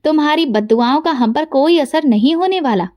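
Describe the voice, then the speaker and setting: A harsh, bossy aunt barking threats, as a woman narrator voices her. Her voice is high and bright, with a close, dry sound, for a storybook tale. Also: expressive, normal speed, no echo. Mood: threatening.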